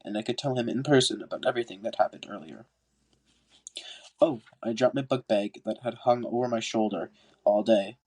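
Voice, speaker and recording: This man hosts a podcast and reads a book aloud with a stuffy nose, sometimes stumbling and rereading lines. He has a medium-pitched, darkish, slightly rough voice, and the audio quality is poor.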